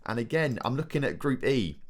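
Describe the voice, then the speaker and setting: A young man hosting a football management game video, chatting excitably and repeating himself. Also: mid-range voice, a little fast. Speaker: gaming video host. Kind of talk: casual gaming commentary.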